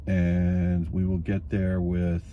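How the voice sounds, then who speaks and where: A vlog host with a low voice talks slowly while driving on a road trip, relaxed and chatty, thinking aloud as he goes. The lo-fi recording was made inside a moving car, so road noise is heard.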